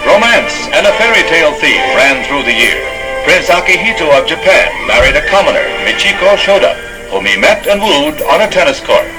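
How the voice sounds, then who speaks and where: An American man reads scripted 1960s newsreel narration in a formal, emphatic announcer style, his voice a little high, sing-song, and fairly quick. The rough archival soundtrack includes loud music.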